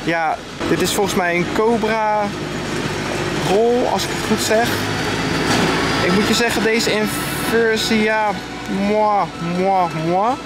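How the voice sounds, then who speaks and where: A man's voice: sits high, fairly even intonation, measured pace, pauses often. A young adult man, chatting casually and enthusiastically to viewers as a vlogger, recorded outdoors on a handheld camera. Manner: enthusiastic, informal, addresses viewers often. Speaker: vlogger reviewing theme park rides. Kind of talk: casual vlog chat to viewers. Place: outdoors in an amusement park. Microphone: handheld camera at arm's length. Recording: outdoor camera audio under prominent music. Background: music.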